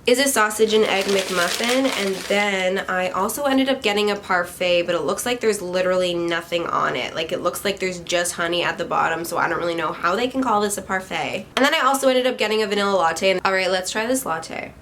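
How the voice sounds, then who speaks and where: A young woman vlogger, a bit hoarse from a cold, chatting casually to the camera while eating, full of "like" and "you guys". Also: medium pitch, a little fast, few pauses, fairly bright tone, slight background noise. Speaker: YouTube vlogger. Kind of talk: casual mukbang vlog talk.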